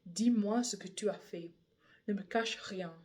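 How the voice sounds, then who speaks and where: Stern judging leader, voiced by a woman, solemn, slow, mellow. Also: medium pitch, lightly acted. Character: stern adult male leader passing judgment.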